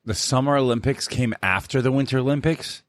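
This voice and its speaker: A young man co-hosting a casual podcast, jokey and excitable, who swears freely and says "dude" and "bro.". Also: medium pitch, brisk, no echo, clean studio sound. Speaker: podcast co-host. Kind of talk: casual chat.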